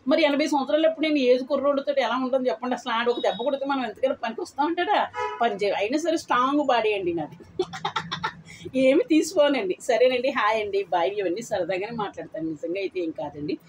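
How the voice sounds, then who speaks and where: A woman's voice: fairly high pitch, fast talker, slight background noise, rough recording. Blunt, chatty woman in her eighties. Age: 80s. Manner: blunt, chatty, rambling, polite to viewers. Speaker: vlogger. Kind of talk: casual chat to camera.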